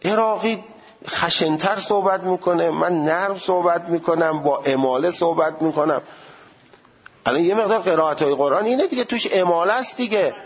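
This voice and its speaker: A man giving a seminary lecture, animated and full of rhetorical questions. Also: sits high, big-room sound, highs cut off. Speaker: religious studies teacher.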